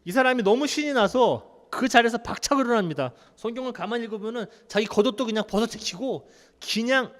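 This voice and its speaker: A male pastor preaching in a church, his high voice leaping up and down as he tells the story like a conversation. The sanctuary adds a long reverb tail to every phrase. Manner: conversational, animated storytelling with laughs. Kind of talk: sermon.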